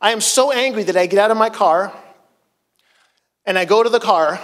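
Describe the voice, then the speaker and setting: A middle-aged pastor preaching a casual sermon on a church stage with a handheld mic, telling personal stories in a conversational, self-deprecating way. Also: male voice, high-pitched, moderate pace, a bit bright. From Chile. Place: church stage, large hall. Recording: long church hall reverb.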